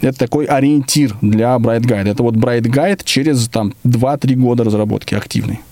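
Mellow man in a dry room. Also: medium pitch, normal speed, no room sound. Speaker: app demonstrator. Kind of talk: casual explanatory talk during a live demonstration.

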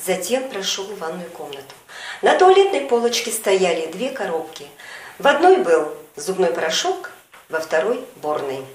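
A woman reading a humorous story aloud with expressive, animated delivery. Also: fairly low pitch, moderate pace. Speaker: reader in a recitation contest. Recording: echoey room with music behind.

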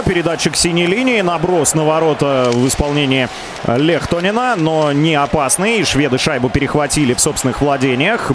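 A man giving live radio play-by-play of hockey in a measured, descriptive, detailed way. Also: fairly high pitch, noisy background.

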